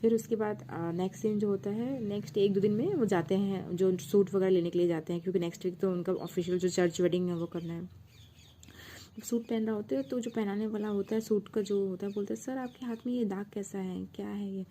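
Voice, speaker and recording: A woman retells a love story in a chatty, loose manner, full of fillers and asides. Her voice is mellow and warm at a middling pitch, and her delivery is casual and unscripted. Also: steady tone, brisk, a little hiss or hum. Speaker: storyteller retelling fan fiction.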